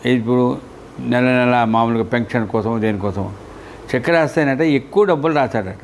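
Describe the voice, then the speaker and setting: A man's voice: medium pitch, normal speed, a little hiss or hum. A man giving a devotional discourse, telling stories and asking and answering his own questions. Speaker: spiritual discourse speaker.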